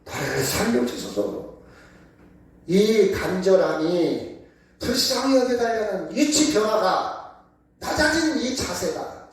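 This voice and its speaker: A man preaching a sermon as pastor in a church, with emphatic call-and-response questions. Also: high-pitched. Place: church sanctuary. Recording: very echoey room, voice from far off.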